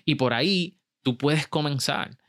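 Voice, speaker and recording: Energetic male podcast host. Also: on the high side, a little slow. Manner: energetic, mixes English words into Spanish. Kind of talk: motivational podcast monologue.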